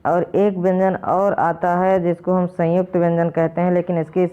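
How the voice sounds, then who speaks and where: A man teaching a lesson, patiently repeating and slowly spelling out each sound. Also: sits high, level tone, clear, resonant tone. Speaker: Sanskrit teacher. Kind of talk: explanatory lesson to viewers. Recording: dull lo-fi recording.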